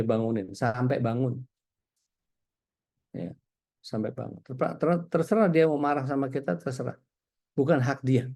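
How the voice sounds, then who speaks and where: Gravelly, mellow-voiced male preacher. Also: mid-range voice. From Indonesia. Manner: relaxed, storytelling, frequent hesitations. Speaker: Islamic preacher. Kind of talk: conversational religious lecture.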